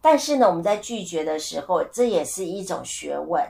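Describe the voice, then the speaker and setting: A middle-aged woman hosting a casual solo podcast, telling stories with lively acted-out voices and asking her listeners questions. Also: on the low side, brisk, gravelly. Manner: animated storyteller who asks listeners questions. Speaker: podcast host.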